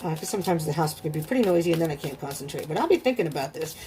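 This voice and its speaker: A woman's voice: low-pitched, animated, racing, warm tone, faint music behind. A woman giving a casual tarot reading at home, chatty and often checking in with her listeners. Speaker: tarot reader.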